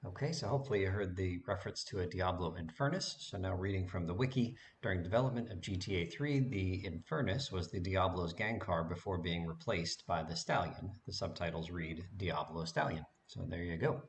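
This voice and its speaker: A man hosting a gaming channel, giving relaxed, chatty gameplay commentary with plenty of filler words. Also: low-pitched, fairly quick, few pauses, a little hiss or hum.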